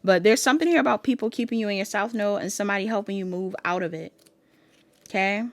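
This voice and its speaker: A woman's voice: mid-range voice, quick pace, no echo. A woman giving a casual pick-a-card tarot reading, chatting to viewers and reading guidebook text aloud. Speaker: tarot reader.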